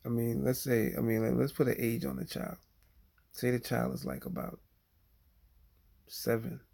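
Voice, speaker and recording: Gravelly man ranting on a livestream. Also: medium pitch, level tone, normal speed, mellow. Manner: rambling, blunt, full of "you know" and "okay?". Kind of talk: casual livestream monologue.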